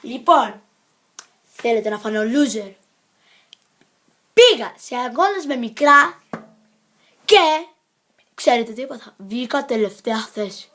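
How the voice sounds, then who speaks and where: A woman's voice: a little high, animated, pauses often, a bit bright. A woman talking to the camera in a casual vlog, rambling playfully, jumping between topics and correcting herself. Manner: scattered, jumps between topics and self-corrects; playful and silly. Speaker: vlogger.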